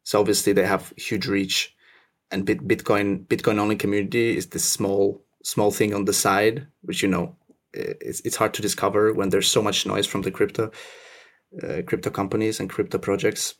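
A young man from Russia, raised in Finland, talking as a podcast guest in a relaxed, self-deprecating way with many restarts. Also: on the low side, normal speed. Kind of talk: casual interview chat.

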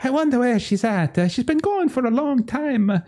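A man's voice: very high-pitched, lively intonation, moderate pace, a little mellow, voice pushed up. A man voicing an eager, fretful man with a put-on Italian accent who stammers as he talks.

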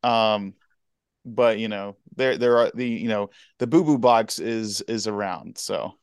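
A man in his twenties, guest in a casual interview, talking in an easygoing, halting way. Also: on the low side, clean tone, no echo, clean studio sound. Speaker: guest Twitch streamer and cosplayer.

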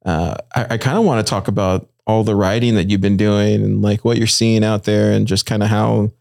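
A male host with a gravelly, low voice chats casually with his guest while sitting in a car. He rambles easily, circling back on his words. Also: fairly even intonation, a little fast, a little mellow. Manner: laid-back, rambling with fillers. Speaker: podcast host. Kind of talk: casual chat.

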